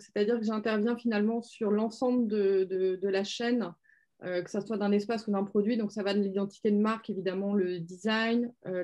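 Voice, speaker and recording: Speaking on a webinar over a video call, a woman who works as a color strategy expert explains her work in a presentation full of fillers. Her voice is mid-range and a little mellow.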